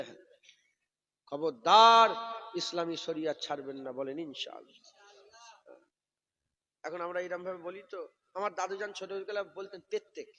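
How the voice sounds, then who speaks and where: A man preaching a sermon, moving from quiet explanation to loud, chanted exhortation. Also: high voice, dull audio. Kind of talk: sermon at a religious gathering.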